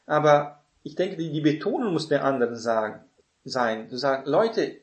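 A man's voice: on the high side, lively intonation, normal speed. A man giving a conversational sermon, full of fillers and tag questions, acting out quoted voices as he explains. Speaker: preacher. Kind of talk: sermon teaching. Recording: echoey room.

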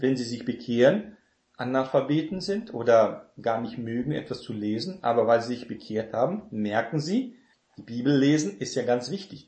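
A man's voice: mid-range voice, a little mellow. Echoey conversational male preacher. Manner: conversational, frequent tag questions. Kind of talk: sermon. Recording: echoey room.

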